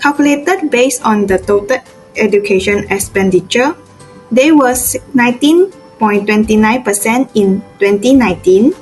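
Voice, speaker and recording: A young woman reading documentary narration full of figures, slow and careful over the numbers. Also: a little high, animated, darkish tone, faint music behind, poor audio. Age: young adult.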